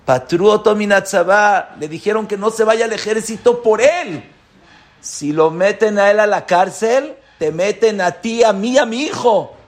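A man's voice: mid-range voice, unhurried, few pauses, dark tone, natural voice. A man voicing a worried wife who pleads with her husband to stop a quarrel. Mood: pleading.

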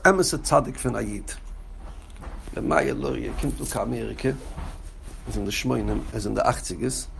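This rabbi's voice is gravelly and medium in pitch, heard over slight background noise. He teaches a Torah class, talking to each student by name and breaking into a raised, sing-song chant for quoted texts.

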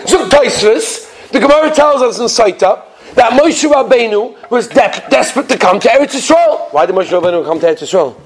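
A man's voice: extremely high pitch, expressive, fairly quick, low-quality recording. A man with a Yiddish-influenced American accent teaching a religious class as a rabbi, in a sing-song questioning manner with emphatic repetition. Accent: Yiddish-influenced American English. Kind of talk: animated religious lesson with rhetorical questions.

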